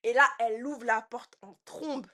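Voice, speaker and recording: A young woman spilling a personal story in loose, slangy talk. Her voice sits fairly high and swings from hushed asides to loud bursts. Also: moderate pace. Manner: slangy, animated, swings between quiet and loud. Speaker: podcast host. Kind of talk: casual storytelling.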